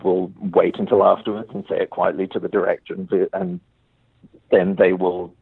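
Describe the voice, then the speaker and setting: A man's voice: low-pitched, flat delivery, normal speed, creaky, husky, no room sound. A male playwright being interviewed, speaking thoughtfully with many restarts over a phone line. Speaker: playwright guest. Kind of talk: interview conversation.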